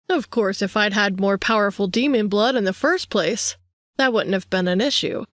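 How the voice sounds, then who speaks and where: A woman's voice: mid-range voice, dry recording, clean studio sound, natural voice. A woman voicing a power-hungry vampire man who taunts his younger brother in a sing-song way.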